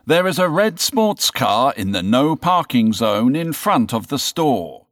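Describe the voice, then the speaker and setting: A man reading a store announcement in a formal, measured way, spelling out numbers and letters carefully. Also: mid-range voice, no echo, clean studio sound. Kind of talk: store public-address announcement, read for a listening test.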